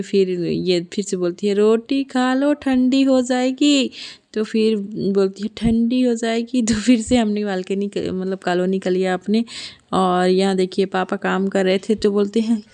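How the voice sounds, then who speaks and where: A woman's voice: medium pitch, little pitch movement, normal speed, darkish tone, clean tone. A woman, a mother, telling a casual story to her viewers while pointing out moments in her home videos. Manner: chatty, narrating clips to viewers. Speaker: mother vlogger.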